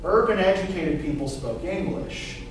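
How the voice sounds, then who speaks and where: This male literature lecturer has a high, animated voice and a moderate pace, framing points as questions and tagging on "right?" often. The recording comes from a far-off camera microphone in an echoey, roomy classroom, his speech muffled by a face mask, with faint background noise.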